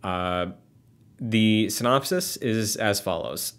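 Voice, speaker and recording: A man's voice: lowish voice, animated, slow, fairly bright tone, clean tone. A young man co-hosting a podcast, talking in a chatty, wry way. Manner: chatty and wry, often laughing. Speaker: podcast co-host. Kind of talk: casual chat.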